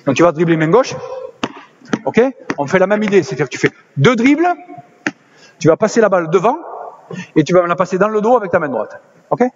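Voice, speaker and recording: Man, basketball coach, high voice, directive, dull lo-fi recording, faint noise. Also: lively intonation. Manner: directive, coaxing players with quick commands. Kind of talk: coaching demonstration on court. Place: indoor basketball gym.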